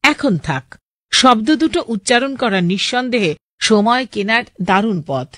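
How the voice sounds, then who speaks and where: A woman radio presenter, reading listeners' letters aloud in a steady, clear voice. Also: fairly high pitch, unhurried, no room sound, studio quality.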